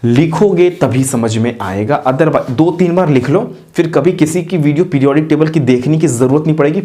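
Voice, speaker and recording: A male teacher with a slightly raised voice leads a casual chemistry lesson at the board. He addresses the students directly and coaxes them with repetition. Often he slows right down to chant memory tricks syllable by syllable. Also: a little high, mellow. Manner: repetitive, coaxing, talks straight to students. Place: classroom with a writing board.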